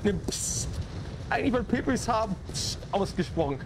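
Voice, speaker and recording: Excitable high-voiced young male streamer. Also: rapid-fire, over music. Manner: slangy, excitable, greets chat viewers. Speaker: livestreamer. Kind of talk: live gameplay commentary. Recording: game sounds and noise behind. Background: game sound effects, vehicle noise.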